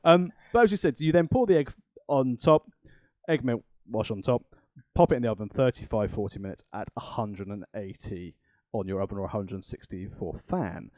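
In casual conversation on a cooking podcast he co-hosts, a man rambles chattily and makes jokes at his own expense. His voice is fairly low and mellow, at normal speed, with no echo.

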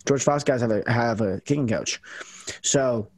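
A man's voice: medium pitch, normal speed, no room sound. A young man hosting a casual podcast chat, rambling with lots of fillers and restarts. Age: young adult. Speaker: podcast host and college football kicker.

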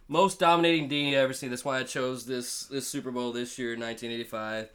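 A man's voice: medium pitch, fairly even intonation, brisk, a bit bright. A man in his forties co-hosting a casual sports chat, joking, swearing and laughing often. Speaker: podcast co-host.

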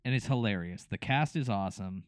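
A man with a lowish, expressive voice speaks briskly in a studio-quality recording with no echo. He's co-hosting a podcast and casually recapping a TV show, rambling along with lots of fillers and restarts.

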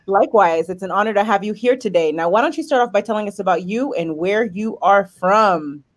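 A woman's voice: medium pitch, fairly quick. A woman hosting an interview, reading a formal introduction and asking questions in polished phrasing. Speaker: interview host.

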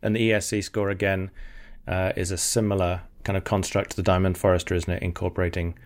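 A man's voice: sits low, level tone, fast talker. A man hosting a podcast interview, asking thoughtful questions. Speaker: podcast host.

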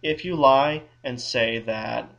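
A man with a gravelly, creaky voice co-hosts a casual legal advice podcast as a defense lawyer. He explains cases in a wry, thinking-aloud manner, often restarting his sentences. The recording sounds dull and slightly lo-fi. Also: mid-range voice, slow pace, fairly bright tone. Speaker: criminal defense lawyer co-host.

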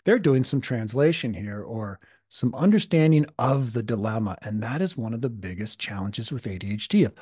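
A hoarse man with a gravelly, husky voice co-hosts a podcast in relaxed chat, recovering from being sick. He speaks thoughtfully, often restarting his sentences. The sound is close and dry, with no room around it. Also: mid-range voice, moderate pace, hardly any pauses, dry recording. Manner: thoughtful, with frequent fillers and restarts. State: hoarse from a recent illness. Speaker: podcast co-host and coach.

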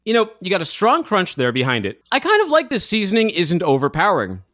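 Casting: male podcast co-host with a cold, fairly high voice, very expressive pitch, dry close sound. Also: fast, no room sound. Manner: animated, jokey, descriptive. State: has a cold. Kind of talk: casual snack review chat.

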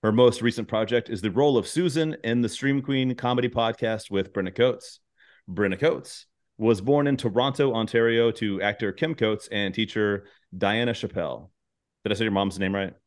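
A male podcast host interviews his guests in a lowish voice at normal speed, going back and forth between scripted introductions and laid-back, self-deprecating conversation.

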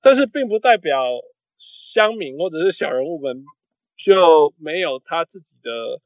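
A man hosts a casual sports podcast in Mandarin, mixing in English phrases and repeating words while hunting for terms. His voice is on the high side and expressive, at a measured pace. The audio is lo-fi, muffled and roomy.

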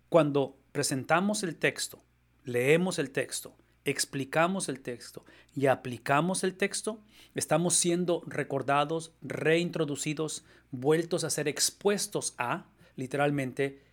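A man preaching to a congregation, emphatic, often asking rhetorical questions and tagging his points with short checks for agreement. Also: medium pitch. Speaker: pastor. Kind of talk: sermon.

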